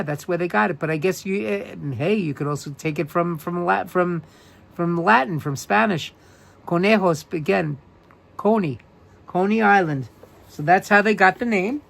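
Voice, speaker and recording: With a high, creaky voice, this New York livestream host keeps things casual, reading trivia aloud and responding to viewers one by one by name in a laid-back, talkative manner.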